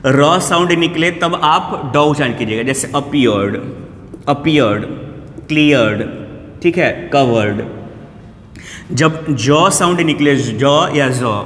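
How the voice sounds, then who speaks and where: A man's voice: a little high, slow, fairly bright tone. A man teaching English pronunciation in Hindi, patiently repeating each example word several times. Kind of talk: Hindi-language pronunciation lesson. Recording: echoey room with long reverb, faint background noise.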